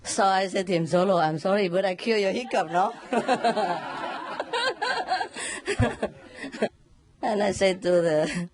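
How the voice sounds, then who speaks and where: A woman's voice: mid-range voice, slow pace, pauses often, noisy background. Laughing woman telling a story. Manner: laughs often, animated storytelling with sound imitations. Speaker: spiritual teacher. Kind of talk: casual spoken talk.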